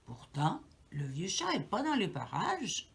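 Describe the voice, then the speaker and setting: A woman's voice: on the low side, huge pitch swings, measured pace, gravelly, full character voice. A woman with a Québécois accent voicing a cautious grown father mouse who talks to himself warily. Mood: wary. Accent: Québécois French. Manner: careful, wary muttering to himself.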